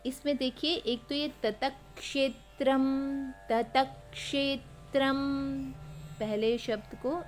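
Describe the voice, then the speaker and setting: A woman who teaches chanting of Sanskrit verses. She chants each line slowly, then patiently explains how to pronounce it. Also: sits high, faint music behind. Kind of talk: slow chanting lesson with spoken explanations.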